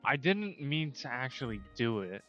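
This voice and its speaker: Guy streaming a game, mid-pitch voice, swears a lot and begs the game out loud, faint music behind. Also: sing-song, normal speed, lo-fi sound. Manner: talks to the game, swears, bursts into loud exclamations. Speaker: livestreamer. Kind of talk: casual gaming livestream commentary.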